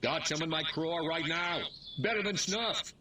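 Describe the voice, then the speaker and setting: A man's voice: fairly high pitch, normal speed, a crowd in the background, lightly acted. An actor voicing an alien disguised as a human male mayor, speaking in a stilted way that fakes ordinary human talk, in a video game. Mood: folksy bluff. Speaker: game character.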